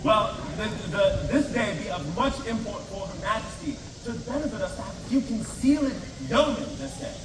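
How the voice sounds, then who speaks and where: A man's voice: high-pitched, a little fast, hardly any pauses, lightly acted. A man playing an earnest royal guardsman in a live comic fair show, declaiming pompously in mock-biblical archaic English. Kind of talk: live comic stage performance at Renaissance fair. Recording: distant, echoey, noisy outdoor fairground recording.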